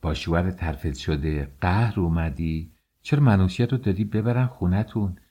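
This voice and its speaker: A man's voice: low voice, warm tone, husky. A man reading an audiobook, voicing a worried older mother who scolds and asks fretful questions. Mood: anxious. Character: worried older mother, sharp-tongued and anxious.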